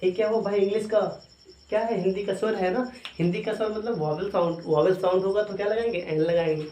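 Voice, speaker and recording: A man's voice: high-pitched, fairly even intonation, quick pace, warm tone, slight background noise. A male teacher gives a lecture, asking questions and answering them himself, and repeating them often. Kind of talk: classroom lecture. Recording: echoey room.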